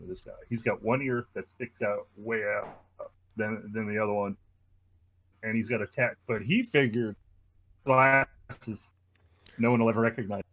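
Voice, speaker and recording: A man co-hosting a casual podcast over a video call, telling a story in a relaxed way while his glitchy audio keeps cutting out. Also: on the low side, unhurried, long pauses, no room sound, low-quality recording. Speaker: podcast co-host.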